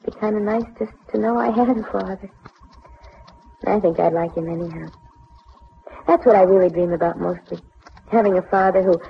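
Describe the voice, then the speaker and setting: A woman's voice: fairly low pitch, gravelly, slight background noise. An actress playing an earnest, dreamy young woman with homespun, folksy speech in a 1940s radio drama. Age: young adult. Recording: dull 1940s radio recording.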